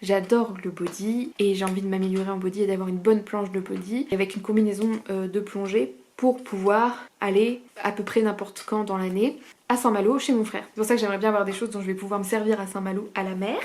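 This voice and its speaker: A woman's voice: medium pitch, fairly even intonation, a little fast, darkish tone. A woman from Normandy with a Norman French accent, chatting casually to camera and drifting from topic to topic. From Normandy, France. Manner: chatty and digressive, laughs often. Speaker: vlogger.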